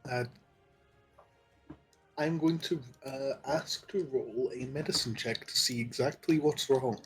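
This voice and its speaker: A man plays a tabletop role-playing game, speaking casually. His pitch is average, and soft music runs behind his voice. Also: measured pace, poor audio. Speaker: player.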